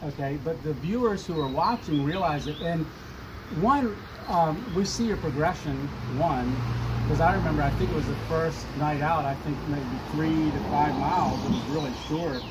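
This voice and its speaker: Out on a street in front of a shop, a vlog host in his fifties runs a casual interview, rambling with lots of fillers and laughter. His voice is a little high and moderately paced, with heavy background noise.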